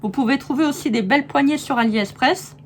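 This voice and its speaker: A woman's voice: high voice, a little fast, a little hiss or hum. Chatty woman crafts vlogger. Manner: chatty, enthusiastic, many fillers and restarts. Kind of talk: casual haul video chat.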